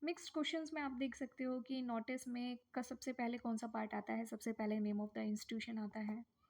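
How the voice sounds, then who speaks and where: A woman teacher explaining exam writing formats in a lesson, asking questions and answering them herself, slowing down on key phrases. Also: a little high, flat delivery, darkish tone. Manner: slows down reading English phrases. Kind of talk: explaining lesson in mixed Hindi and English.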